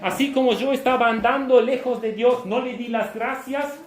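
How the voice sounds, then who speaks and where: A man preaching a sermon, emphatic and half shouting, often checking in with listeners. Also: very high voice, normal speed, crowd noise. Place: church hall. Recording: echoey church room.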